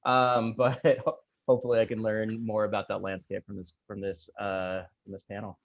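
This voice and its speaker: A man moderating a panel over a video call, talking casually with many ums and pauses. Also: fairly low pitch, dry recording. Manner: relaxed, hesitant with many fillers. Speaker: panel moderator, executive recruiter. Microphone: video call microphone. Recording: dry, dull lo-fi video call audio.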